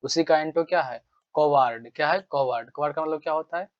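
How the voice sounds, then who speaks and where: A man's voice: fairly high pitch, fast, no room sound. Man teaching in questions and answers. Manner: repetitive, quizzing himself with rhetorical questions. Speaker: English vocabulary teacher. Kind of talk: Hindi tutorial lesson. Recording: dry, dull lo-fi mic.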